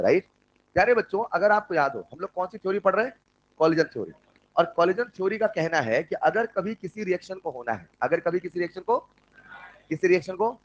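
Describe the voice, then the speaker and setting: A man teaching chemistry in an online class, with an Indian accent when he switches to English, who dictates notes slowly and jokes with his students. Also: high voice, muffled recording. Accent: Indian English mixed into Hindi.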